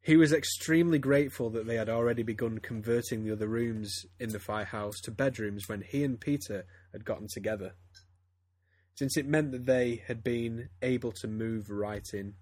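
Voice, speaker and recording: A man's voice: medium pitch, normal speed, darkish tone. A man reading fan fiction aloud to friends, stumbling and breaking into laughter as he goes. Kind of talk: casual comedic reading aloud.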